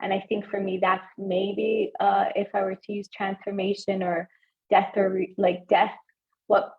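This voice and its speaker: Gravelly-voiced reflective woman co-host. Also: medium pitch, muffled recording. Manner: thoughtful, meandering, many fillers and restarts. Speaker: podcast co-host. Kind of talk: reflective casual chat.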